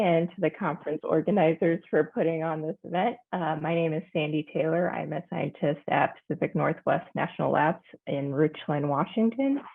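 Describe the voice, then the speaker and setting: A woman scientist giving a careful, measured technical presentation over a video call. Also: deep voice, creaky. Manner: careful, measured, with frequent pauses. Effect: heard over a video call. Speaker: scientist presenting a conference talk. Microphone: computer mic on a video call. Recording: tinny video-call audio.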